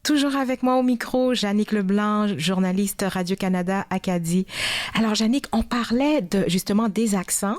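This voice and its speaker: A woman radio host asking questions in a hesitant way with many pauses. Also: medium pitch, a little mellow, no room sound. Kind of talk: interview conversation.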